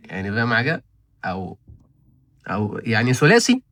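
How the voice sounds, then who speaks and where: A man's voice: mid-range voice, huge pitch swings, normal speed, fairly bright tone. A man in his twenties with an Egyptian accent, hosting his own channel and chatting casually to viewers. He rambles and thinks aloud, often repeating himself. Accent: Egyptian Arabic. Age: 20s. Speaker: channel host reviewing license plate auctions.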